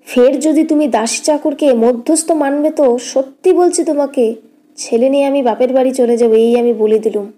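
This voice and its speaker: A woman's voice: high-pitched, normal speed, dark tone, close to an everyday voice. A woman voicing a proud, stubborn young wife and doting aunt, giving defiant, curt replies as an audiobook character.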